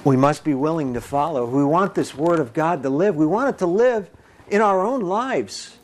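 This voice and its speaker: A man preaching a sermon, animated and folksy, acting out little voices and dialogue as he speaks. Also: on the high side, moderate pace. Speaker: pastor.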